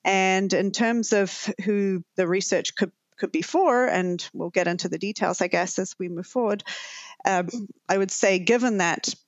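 A woman with a New Zealand accent, a professor, answers interview questions thoughtfully, often restarting and using fillers. Her voice sits in the mid-range at a measured pace, recorded without echo but sounding muffled.

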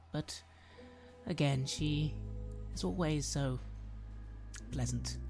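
A woman playing an anxious patient in a tabletop game, talking in a halting, stammering way. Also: low-pitched. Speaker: player. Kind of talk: in-character role-play as an anxious patient.

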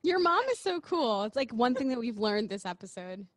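A woman's voice: on the high side, very animated, normal speed, no echo. A woman co-hosting a casual chat, enthusiastic and teasing.

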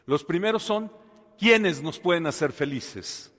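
A man preaching a sermon. He tells a story with dramatic swings from soft to loud and asks the listeners questions. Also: a little high, animated, a little slow. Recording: long hall reverb.

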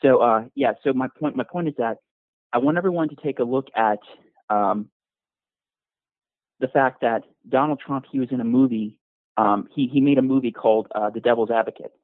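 A man calls in over a tinny phone line, a little out of breath after a run. He speaks haltingly, stumbling through fillers and restarts. The sound is dry and narrow. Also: medium pitch, dry recording. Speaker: caller.

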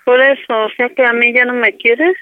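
A high-voiced woman pleads tearfully over the phone. Her voice comes through a thin, tinny phone line. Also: fairly even intonation, normal speed, dry recording. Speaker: prank call target.

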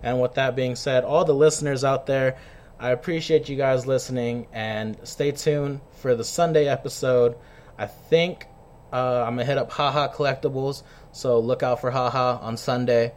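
A man's voice: mid-range voice, fairly even intonation, normal speed. A man hosting a casual podcast, chummy and slangy, swearing freely. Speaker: podcast host. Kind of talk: casual interview chat.

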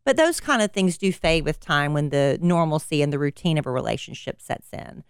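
A woman's voice: sits low, expressive, brisk, clean tone, dry recording, clean studio sound. A middle-aged woman hosting an advice podcast, giving frank, blunt advice in a casual, folksy way.

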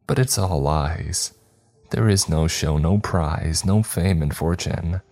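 A man voicing a weary older woman who has survived on an island for decades, speaking gently but bluntly. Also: deep voice, takes it slowly, creaky, full character voice. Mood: gentle.

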